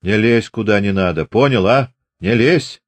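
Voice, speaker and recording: A man's voice: medium pitch, big pitch swings, takes it slowly, voice pushed up. A man reading an audiobook voices a cold, defiant Cossack soldier who snaps back insolently. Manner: sneering, defiant.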